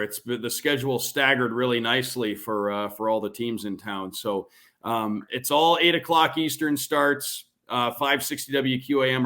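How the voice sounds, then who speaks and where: A radio play-by-play broadcaster appears as a guest in a casual podcast interview, speaking fluently in an announcer-like way. His voice is mid-range with a sharp tone.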